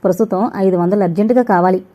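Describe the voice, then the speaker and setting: A woman's voice: fairly low pitch, steady tone, very fast, dull audio, lightly acted. A woman reading the lines of a spoiled young wife who demands money and hurls insults. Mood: demanding.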